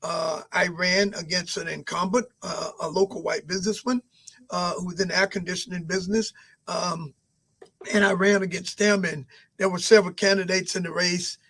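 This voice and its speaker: Man in his 60s, higher-pitched voice, measured interview answers, lots of uh and um. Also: fairly even intonation, fairly bright tone. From Albany, Georgia. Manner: measured, with many fillers. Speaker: mayoral candidate guest.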